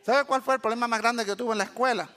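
Preacher man, very high and bright, animated sermon storyteller who acts out quotes. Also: quick pace. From Cuba. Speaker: pastor.

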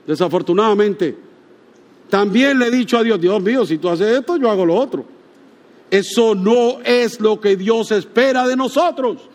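A man preaching a sermon, emphatic, often asking the congregation rhetorical questions and drawing out key words slowly. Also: very high voice.

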